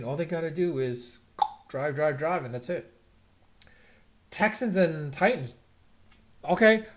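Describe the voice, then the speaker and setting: Rambling man ranting about football. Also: medium pitch. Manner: rambling, restarts sentences, opinionated. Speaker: live stream host. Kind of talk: casual sports rant. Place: at home, checking scores on screen.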